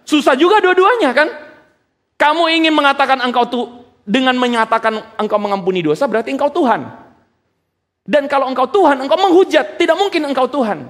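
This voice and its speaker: Man, preacher, high voice, very lively pitch, animated sermon, rhetorical questions, reverberant hall. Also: a little fast. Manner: animated, rhetorical questions, slips into casual slang.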